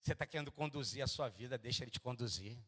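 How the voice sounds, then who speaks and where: A man preaching a sermon as pastor in a church, with animated delivery that swings from quiet talk to shouting. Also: medium pitch, fast talker, husky. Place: church hall. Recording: echoey church hall.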